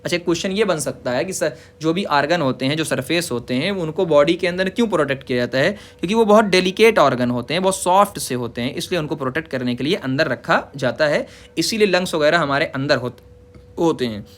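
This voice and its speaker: A man teaching a biology lesson, reading English lines slowly and explaining them in casual Hindi while asking and answering his own questions. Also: a little high, animated, a bit bright. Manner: informal, says "yaar" and "bhai". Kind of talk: classroom lecture explaining a diagram.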